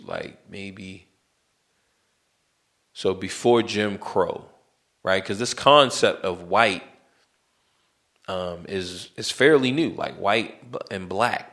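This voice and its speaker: A man from the United States hosts a podcast in a loose, rambling solo talk packed with fillers, slang and false starts; his voice is on the low side with a fairly bright tone.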